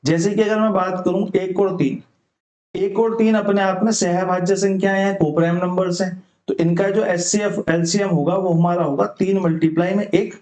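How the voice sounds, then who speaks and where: High-voiced man teaching maths, echoey. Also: a little mellow. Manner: explains step by step, mixes English terms into Hindi; often checks in with "ठीक है". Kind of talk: exam-prep maths lesson.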